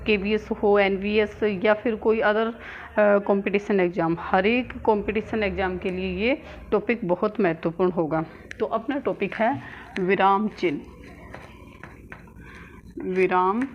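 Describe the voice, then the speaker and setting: Female teacher, patient repetitive delivery, muffled recording with light background noise. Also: mid-range voice. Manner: slow, repeats key words, many "uh" fillers. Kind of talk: classroom grammar lesson. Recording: dull lo-fi sound with faint noise.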